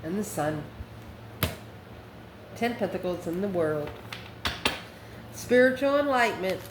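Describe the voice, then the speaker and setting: Hosting a casual, mystical tarot reading to camera, a woman speaks directly and affectionately to the listener. Her medium-pitched voice has lively intonation and an unhurried pace, recorded in an echoey room with clearly noisy background.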